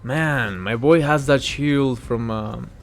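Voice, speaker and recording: A gaming video host plays while giving casual, rambling commentary, easily sidetracked by the action. His mid-range voice is slow, with faint music behind it and clear background game noise.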